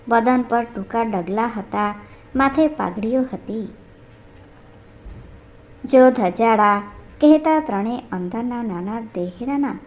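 A woman with a fairly high voice reads a folk tale aloud at a slow, unhurried pace. She tells it in measured storytelling narration and reads the characters' quoted lines as part of the tale. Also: darkish tone.

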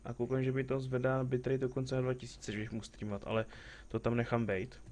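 His mid-range voice has little pitch movement and a darkish tone. As a live streamer playing a game, he offers casual commentary, teasing the characters on screen and welcoming viewers as they arrive.

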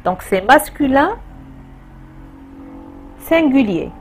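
A woman teacher with a Moroccan French accent, explaining a distance-learning grammar lesson slowly and patiently, repeating key points. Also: sits high, very animated, slightly rough, soft background music. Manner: slow, patient explaining with repetitions. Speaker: primary school teacher.

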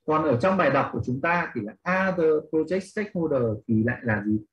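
A man teaches an English class online in Vietnamese, walking through a reading step by step and quizzing students along the way. His voice is fairly high, fast and expressive, though the recording's highs are cut off.

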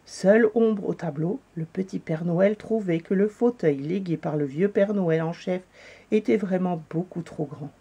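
A woman reading a children's story aloud, with calm, gentle narration. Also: fairly low pitch, measured pace, breathy edge.

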